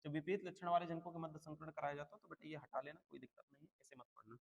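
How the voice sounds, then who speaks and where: A man's voice: a little high, steady tone, very fast, gravelly. A male teacher giving an exam-prep lecture, calling his students "beta" and repeating key terms over and over. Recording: long hall reverb.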